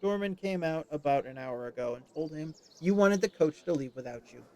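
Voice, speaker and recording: A man's voice: fairly high pitch, expressive, fairly quick, darkish tone. A man voicing a plain-spoken working coachman who talks in a matter-of-fact way.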